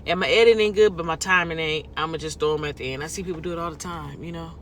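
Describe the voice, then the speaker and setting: A chatty Californian woman talks to her viewers from her car, her voice bright and forward. She keeps it loose and folksy with plenty of y'all and okay thrown in. A faint hum of noise sits under her voice. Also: low-pitched, fast talker. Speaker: lifestyle vlogger. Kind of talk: casual chat to viewers.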